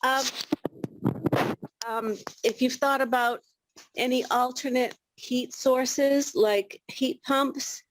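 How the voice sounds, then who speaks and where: A woman's voice: high-pitched, steady tone, slow, dry recording, rough recording. A woman giving a public comment at a board meeting, friendly and tentative.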